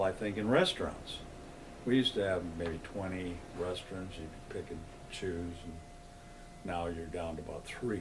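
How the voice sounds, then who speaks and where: In this oral history interview, the speaker is an older man who has lived in the area a long time. His voice sits low and sounds a little mellow, with slight background noise on a low-quality recording. He chats plainly, asking himself questions and then answering them.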